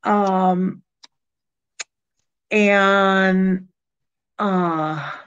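A woman's voice: medium pitch, fairly even intonation, very slow, a bit bright, clear, resonant tone. A woman in her sixties hosting a casual live-stream auction from home, chatting unhurriedly and thanking viewers by name over a webcam. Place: small room at home, indoors. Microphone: webcam on a computer, video call. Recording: dull lo-fi webcam audio.

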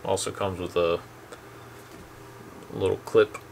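Showing off two boat anchors at home, a young channel host talks plainly and casually, dropping many ums. His deep voice is slow with vocal fry, and the dim indoor room has background noise.

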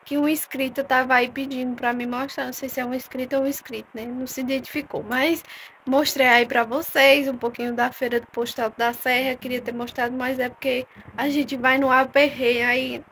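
A woman's voice: high voice, level tone, a little fast, fairly bright tone, a little hiss or hum. A young woman, chatting to viewers in a casual phone vlog and often calling them "my people". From Northeast Brazil. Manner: chatty, calls viewers "minha gente". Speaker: vlogger. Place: open-air market outdoors, then a room by a block wall. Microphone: phone camera held at arm's length.

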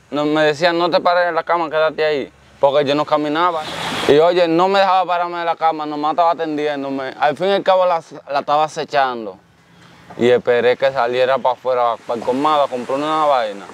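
A man's voice: fairly high pitch, slight background noise. A man with a Dominican accent, telling his own story in an interview, earnest and repetitive, often thanking God. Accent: Dominican Spanish. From Dominican Republic. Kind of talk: casual storytelling.

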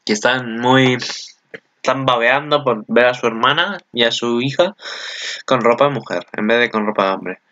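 Excitable bright-voiced Spaniard, lo-fi sound. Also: male voice, moderate pace. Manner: excitable, chatty, with sudden high exclamations. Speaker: video commentator. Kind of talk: casual reaction commentary.

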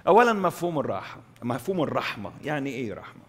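Emphatic Egyptian pastor preaching. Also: male voice, mid-range voice, sing-song. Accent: Egyptian Arabic. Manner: emphatic, swings between loud stresses and soft drawn-out endings; repeats key words for stress. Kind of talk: sermon. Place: church hall.

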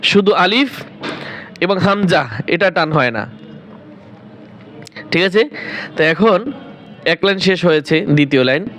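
A man's voice: sits high, unhurried, pauses often, a bit bright. A man teaching Quran reading, taking the viewer through the Arabic letters one by one, asking questions and answering them himself. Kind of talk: Arabic alphabet pronunciation lesson.

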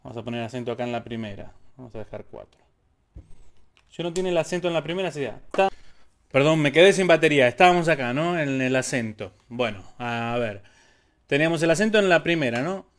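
A man's voice: medium pitch, lively intonation, fast talker. A man teaching a casual music theory lesson, explaining step by step and singing syllables to show rhythms.

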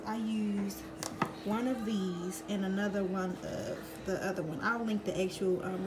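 Chatty young woman cooking over sizzle. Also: medium pitch. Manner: chatty, addresses viewers as y'all. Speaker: cooking vlogger. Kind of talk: casual cooking tutorial. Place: home kitchen. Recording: loud sizzling kitchen noise. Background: sizzling frying food.

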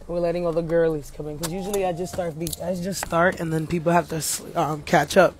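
A playful man with a notably high voice, chatting casually on a livestream about astrology. He jokes around, slips into a mock flight-announcer tone, and speaks into a phone mic, with faint background noise around him. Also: steady tone, quick pace.

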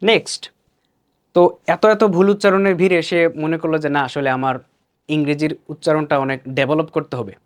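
A man's voice: fairly high pitch, fairly even intonation. Bangladeshi man teaching pronunciation, repeating words. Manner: explains, then repeats each word slowly. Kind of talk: explanatory lesson.

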